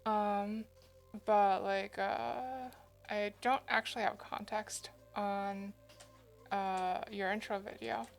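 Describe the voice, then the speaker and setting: A woman's voice: medium pitch, steady tone, slow, gravelly. A woman chatting casually on a livestream in a cute, flustered anime-streamer manner, thinking aloud and muttering to herself as she goes. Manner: scattered, self-interrupting, mutters to herself. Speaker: livestreamer drawing fan art. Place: indoor streaming setup.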